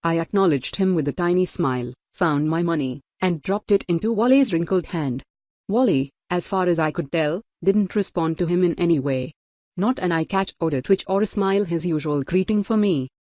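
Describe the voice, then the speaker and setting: A woman narrating a novel in first person, measured and steady. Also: lowish voice, no echo. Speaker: audiobook narrator. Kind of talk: scripted audiobook narration.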